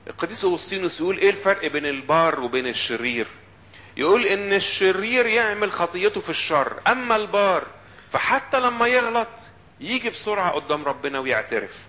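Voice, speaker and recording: Egyptian male preacher, animated sermon delivery, bright forceful tone, slightly high pitch. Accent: Egyptian Arabic. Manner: animated preaching, quoting scripture and voicing its speakers.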